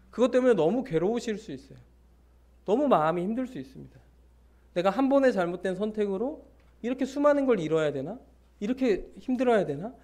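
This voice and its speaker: A male pastor giving a Sunday sermon in a lively storytelling way, with humorous asides and acted-out quotes. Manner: acts out scenes and quotes with big pitch swings.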